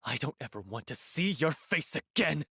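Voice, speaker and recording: A man voicing a hot-tempered young troupe actor in a video game, shouting emotional accusations. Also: a little high, animated, normal speed, a little hiss or hum. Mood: furious.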